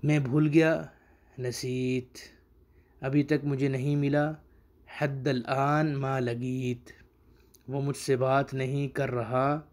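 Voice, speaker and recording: A man who teaches Arabic phrases in a casual spoken lesson, slowing down to repeat each phrase for learners. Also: mid-range voice, flat delivery, darkish tone.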